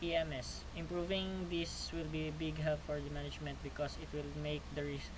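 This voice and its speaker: A little fast and in a level tone, a 22-year-old Filipino student with a voice on the high side presents his class project. He reads stiffly, repeating phrases, and the recording carries noticeable background noise.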